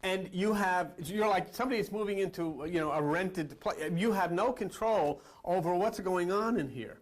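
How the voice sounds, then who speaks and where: Speaking at a moderate pace in a high register, this spiritual teacher gives an esoteric lecture like a sermon. His emphatic style leans on repeated phrases and rhetorical questions.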